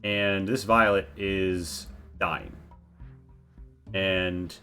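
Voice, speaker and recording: Low-voiced man narrating as game master. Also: steady tone, pushed and bright, faint music behind. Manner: halting, repeats words as he improvises. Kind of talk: improvised tabletop game narration.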